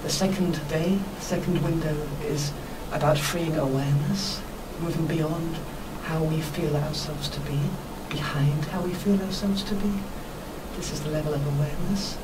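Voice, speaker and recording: A woman's voice: sits low, fairly even intonation, normal speed. Woman explaining earnestly over a noisy, distant mic. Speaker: workshop teacher being interviewed. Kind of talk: radio interview, explanatory spiritual talk.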